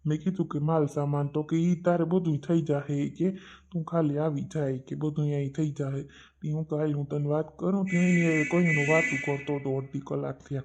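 A man's voice: fairly high pitch, little pitch movement, fairly quick, darkish tone, slight background noise, close to an everyday voice. A man voicing an old father in a cartoon who rambles and chides. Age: older. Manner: rambling, chiding. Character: old father, stubborn and scolding.

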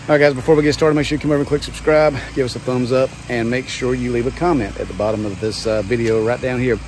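A man with a mid-range, steady voice talks fast and casually to his phone camera about his pressure washing business, chatty and relaxed, dropping plenty of "um" and "man." He's vlogging outdoors under a covered patio at a large house, phone held at arm's length. The outdoor phone audio picks up a pump engine and vehicle noise.

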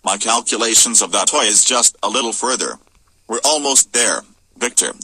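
A man's voice: fairly low pitch, moderate pace, bright, forceful tone, slightly rough. A man voicing a grumpy, impatient cartoon character in a homemade cartoon.

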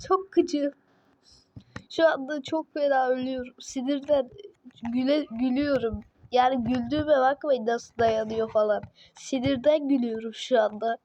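A woman commentating her own gameplay in a let's play video, exclaiming at each move and venting her frustration out loud. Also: sits high, fairly even intonation, moderate pace, highs cut off, a little hiss or hum. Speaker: gaming video host.

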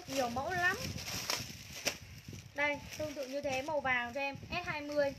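A woman's voice: sits high, normal speed, very noisy. A woman runs a live clothing sale, calling out prices and item codes over and over in a gushing sales patter. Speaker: livestream clothing seller.

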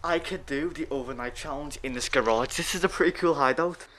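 A young man filming himself while exploring abandoned buildings, excitedly talking to his viewers with the camera held at arm's length. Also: on the high side, fairly quick. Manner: excited, keeps addressing viewers as guys. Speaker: urban explorer vlogger. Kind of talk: handheld exploring vlog. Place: outdoors around derelict buildings and a garage.

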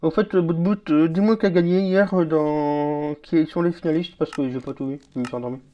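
A man's voice: on the high side, fairly quick, highs cut off. A man streaming a game live, chatting casually with other players as he plays. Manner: relaxed, chatty, talks to other players and chat. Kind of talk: casual live-stream chat while playing.

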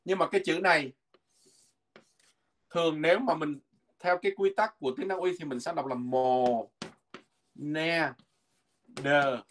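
A man teaching a language lesson from a textbook, patiently repeating words slowly so learners can follow. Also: on the high side, fairly bright tone.

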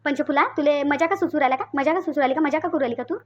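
Cartoon mother-in-law: woman doing a very high, fast, scolding voice, Varhadi accent, dull audio. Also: lightly acted. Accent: Vidarbha Marathi (Varhadi). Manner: scolding, demanding. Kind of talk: cartoon voice acting.

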